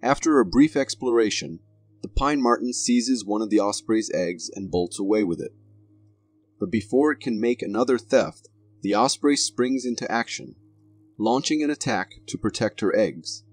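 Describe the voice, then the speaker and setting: A man's voice: fairly low pitch, normal speed, soft background music. A man reading scripted narration for a video compilation in a dramatic, formal manner.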